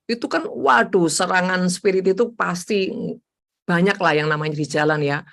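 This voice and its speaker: A woman's voice: moderate pace, vocal fry. A woman evangelist giving a conversational sermon, constantly addressing listeners as brothers and sisters and acting out her own prayers. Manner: addresses listeners as "saudara" repeatedly, animated pitch swings. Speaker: evangelist preacher.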